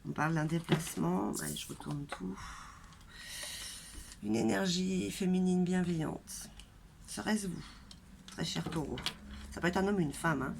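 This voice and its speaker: Nasal, congested woman with a very gravelly creak. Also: fairly low pitch, unhurried, long pauses. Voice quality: nasal, congested stuffed-up voice from a blocked throat. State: congested throat, coughing and throat-clearing. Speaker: tarot reader and channel host. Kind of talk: casual chatty tarot reading to viewers. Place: outdoors in a light wind. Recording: noisy outdoor recording with wind.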